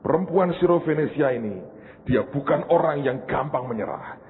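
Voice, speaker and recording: A pastor preaching a sermon, telling stories with animated swings between loud and hushed delivery. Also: male voice, a little high, moderate pace. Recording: echoey hall on a tinny line.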